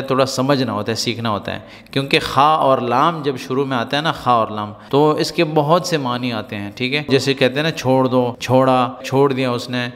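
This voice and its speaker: A man's voice: medium pitch, a bit bright. Male language teacher, patient and repetitive, with a long room reverb. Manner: patient, repetitive explaining with frequent "right?" checks. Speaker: Arabic teacher. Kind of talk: spoken Arabic lesson explained in Urdu.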